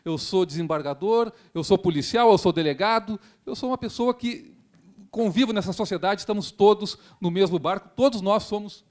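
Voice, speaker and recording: A public prosecutor from Rio Grande do Sul, Brazil, gives a formal seminar speech, earnest and rhetorical, with frequent tag questions. His voice is high-pitched and a little mellow, at a moderate pace.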